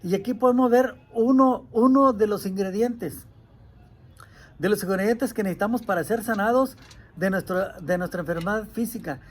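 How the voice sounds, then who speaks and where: Male pastor, sermon, husky voice, earnest preaching. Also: sits high, moderate pace. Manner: earnest preaching, cries out quoted pleas.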